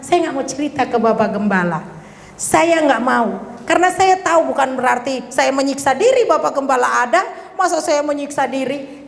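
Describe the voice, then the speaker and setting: Brief: middle-aged woman, high voice, heartfelt sermon testimony, church hall with long reverb. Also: vocal fry. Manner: emotional, addresses congregation as saudara. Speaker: pastor's wife preaching.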